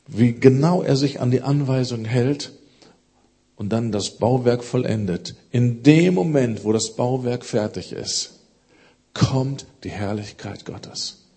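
A man preaching a sermon, emphatic, pushing his voice up to stress key words and dropping low and quiet for solemn lines. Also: slow, breathy edge.

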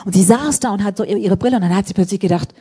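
A woman preaching a sermon in a church service, telling testimonies in an animated, emphatic way and rising to loud appeals. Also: mid-range voice, very fast, slightly rough.

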